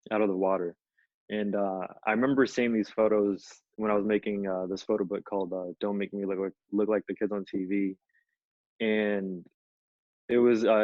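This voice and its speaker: A man's voice: on the low side, dry recording, highs cut off. A young man from Ethiopia, a featured artist, telling his story casually with many fillers like "you know" over a video call. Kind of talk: conversational storytelling.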